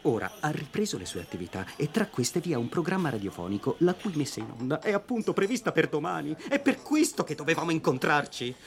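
A man playing an eager, flustered newspaper reporter in a radio drama, wordy, fussy and excitable. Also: fairly high pitch, quick pace, few pauses. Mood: earnest, explanatory. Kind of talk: scripted radio drama acting.

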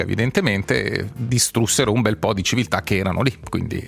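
A man hosting a radio show, talking in a chatty, opinionated way with quick asides. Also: fairly low pitch, vocal fry, a bit bright. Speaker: radio host. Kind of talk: casual radio chat.

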